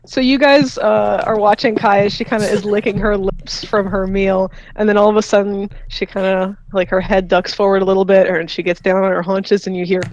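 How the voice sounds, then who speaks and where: A woman narrating a tabletop game as game master, halting with many fillers and often laughing. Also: medium pitch, little pitch movement, a little mellow, highs cut off.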